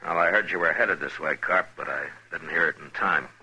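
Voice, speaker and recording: An actor playing a gruff, steady frontier marshal in a 1950s western radio drama, terse and firm. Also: male voice, a bass voice, a little fast, exaggerated voice, rough recording. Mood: tense.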